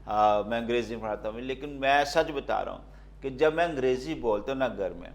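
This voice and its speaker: A man with a Pakistani accent and an ordinary mid-range voice hosts a talk show. He asks questions in a relaxed, conversational way and drops in his own anecdotes. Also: medium pitch, creaky. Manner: conversational, anecdotal, frequent affirmations. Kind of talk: interviewer questions.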